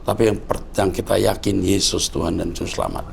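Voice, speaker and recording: Gravelly fatherly pastor in his sixties. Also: low-pitched, flat delivery, a little fast, a little hiss or hum. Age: 60s. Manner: fatherly, lecturing, calls listener "Nak". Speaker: pastor answering viewer questions. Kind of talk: conversational teaching.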